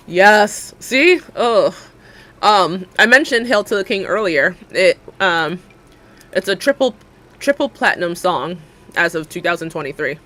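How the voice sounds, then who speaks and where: A woman's voice: lowish voice, expressive, unhurried, sharp tone. A young adult woman chatting casually with her live viewers, rambling with lots of fillers and frequent laughs. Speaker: livestreamer.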